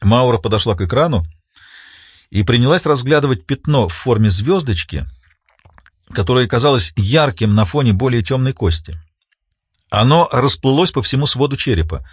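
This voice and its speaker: A man reading a crime novel in a measured, steady delivery. His voice is husky and sits in a middle register, recorded close and dry. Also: mid-range voice, no room sound. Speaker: audiobook narrator. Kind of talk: scripted audiobook narration.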